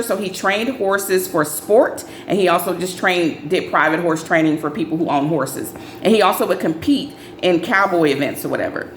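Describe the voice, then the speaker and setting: A young adult woman telling a casual dating storytime, acting out quoted lines in a raised, animated voice. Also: a little hiss or hum. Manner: animated, acts out friends' lines in higher voices. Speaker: storyteller vlogger. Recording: echoey room with faint ambience.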